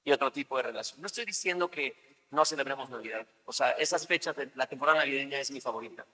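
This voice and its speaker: A man's voice: mid-range voice, fast talker, bright, forceful tone. A man preaching a sermon as pastor, talking conversationally and acting out everyday scenes. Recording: long reverb of a large hall.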